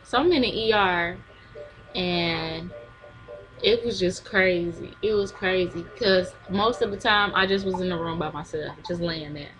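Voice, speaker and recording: A woman's voice: on the low side, a little slow, a bit bright, low-quality recording. A young woman tells viewers a story in a casual, chatty vlog, laughing often. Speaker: vlogger.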